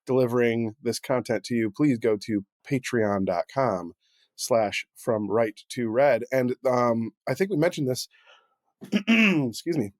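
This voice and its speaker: A man's voice: medium pitch, animated, unhurried, dry recording, clean studio sound. A man co-hosting a casual podcast, joking loosely and talking with many fillers and restarts. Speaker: podcast co-host.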